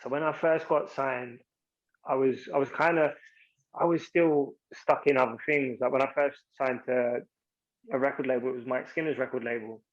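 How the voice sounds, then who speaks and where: A man's voice: mid-range voice, fairly even intonation, normal speed. A man speaks as a mentor, frank and reflective, with plenty of loose asides as he thinks aloud. His voice sits in a middle register. The recording sounds slightly dull and lo-fi. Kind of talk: candid mentoring chat.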